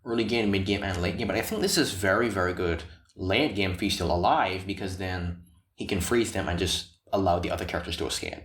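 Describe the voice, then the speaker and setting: A man co-hosting a casual chat about game design, talking in an animated, rambling way. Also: a little fast, reverberant. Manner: animated, rambling, bouncy pitch. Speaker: podcast co-host.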